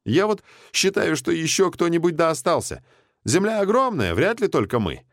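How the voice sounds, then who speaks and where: Man voicing a jittery high-pitched biologist, excitable, pleading, dry close sound. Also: moderate pace, no room sound. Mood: hopeful. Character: jumpy anxious male biologist.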